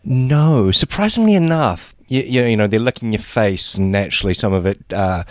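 Low-voiced man with a Kiwi accent. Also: lively intonation, a little fast, no room sound, studio quality. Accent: New Zealand. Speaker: podcast host. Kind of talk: casual podcast chat.

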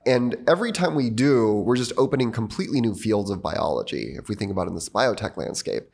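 A man who grew up in Argentina, talking as a podcast guest in a thoughtful, relaxed way with many fillers and restarts. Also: fairly low pitch, fast talker, vocal fry, breathy edge. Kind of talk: casual conversation.

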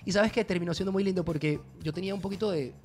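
A Venezuelan man in his thirties, a radio host speaking as a guest in a relaxed interview chat, playful and animated. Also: high-pitched, rapid-fire, faint music behind. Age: 30s.

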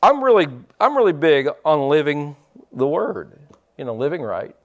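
A man's voice: a little high, very animated, normal speed. Fervent man preaching with lilt. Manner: fervent, repeats words, rises to loud emphatic peaks. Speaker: pastor. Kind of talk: preaching a sermon.

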